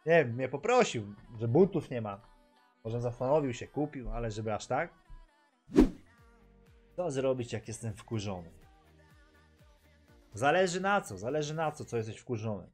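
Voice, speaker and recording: Animated Polish man telling stories. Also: medium pitch, moderate pace, long pauses, breathy edge, faint music behind. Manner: animated, switches between Polish and broken English, bursts into loud exclamations. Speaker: gaming streamer vlogger. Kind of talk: casual storytelling vlog.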